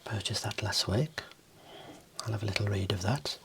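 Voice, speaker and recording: A man speaking in a soft, breathy whisper, giving an unhurried ASMR tour of his book collection. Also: lowish voice, a little hiss or hum. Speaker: host showing own book collection.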